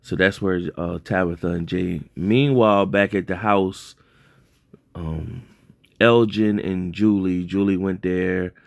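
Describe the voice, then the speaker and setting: A man with a deep, low-pitched voice talks through a TV episode recap in a relaxed, unscripted way. He rambles and corrects himself, leaning on fillers and "like". The sound is dry and close, with no room around it. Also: slow, creaky, no room sound. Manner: loose and rambling, heavy on fillers and self-corrections. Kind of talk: casual spoken recap.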